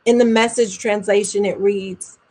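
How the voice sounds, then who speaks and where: A woman ministering a prophetic word, fervent and earnest, slowing down for solemn phrases and speeding up for asides. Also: medium pitch, steady tone, mellow. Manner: earnest, fervent, with spontaneous hallelujahs; swings between slow deliberate phrases and quick asides.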